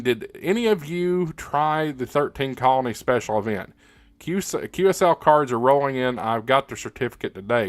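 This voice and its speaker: Heard in a dry recording, this male livestream host has a mid-range voice. He reads comments from his audience and replies conversationally, wandering through his thoughts out loud.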